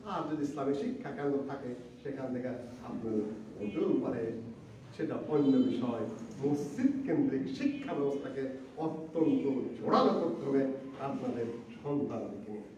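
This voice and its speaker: A man's voice: mid-range voice, animated, normal speed, dark tone, slight background noise. A man preaching a Friday sermon in a mosque, with impassioned, rising emphasis, chanting Arabic supplications between plain speech. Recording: echoey distant lo-fi mosque recording.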